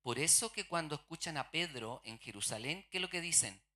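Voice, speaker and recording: A preacher delivers a church sermon in a bright, forceful voice. The pitch sits in a middle range. The preacher keeps posing questions to the congregation and then answering them. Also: lively intonation, fairly quick.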